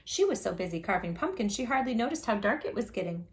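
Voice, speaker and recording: A woman with a mid-range voice hosts storytime and talks fast. She reads a picture book aloud with plenty of expression, animatedly and playfully chatting directly with the children.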